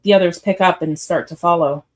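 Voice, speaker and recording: A woman's voice: fairly low pitch, steady tone, a little fast. A woman narrating a radio theatre piece, reading scripted stage directions.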